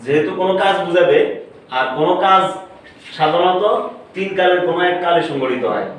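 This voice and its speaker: A man with a somewhat high voice teaches a classroom lesson, repeating words and quizzing his listeners on them. He stands away from the mic in a very echoey room. A faint hiss sits under the sound. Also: fairly quick, recorded from a distance. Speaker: Arabic teacher.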